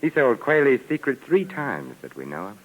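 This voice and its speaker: An actor playing the Saint, a suave, sardonic, wisecracking adventurer in a 1950s radio detective drama. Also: male voice, medium pitch, very animated, moderate pace, phone-quality sound. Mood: sardonic, probing. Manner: sardonic, urbane, playful. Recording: vintage 1950s radio recording.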